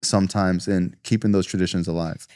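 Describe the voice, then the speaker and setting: A man's voice: deep voice, steady tone, a little fast, darkish tone, clean tone, no room sound, studio quality. A man from South Florida, a guest on a podcast, talking loosely in casual conversation with lots of fillers and asides. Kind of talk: casual interview talk.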